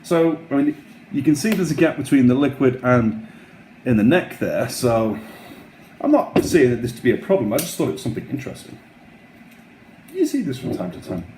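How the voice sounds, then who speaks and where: A man hosting a casual wine tasting, talking in an unhurried, musing way with short trailing phrases. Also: medium pitch, very animated, darkish tone. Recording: roomy echo, faint background noise.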